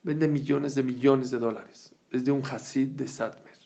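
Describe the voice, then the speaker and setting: Gravelly religious teacher. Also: male voice, medium pitch, a little slow, lo-fi sound. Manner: animated, rhetorical questions to the class. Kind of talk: Torah class lecture.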